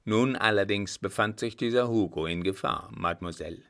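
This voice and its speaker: A man playing a gruff old field marshal. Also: lowish voice, moderate pace, natural voice. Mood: gruff, bantering. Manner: loud, brusque, bantering.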